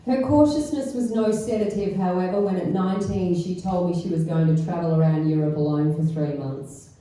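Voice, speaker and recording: Echoey, mellow-voiced woman giving a wedding speech. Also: lowish voice, fairly quick. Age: middle-aged. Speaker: mother of the bride giving a speech. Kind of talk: wedding speech read aloud, affectionate roast. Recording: echoey venue, far from mic, faint noise.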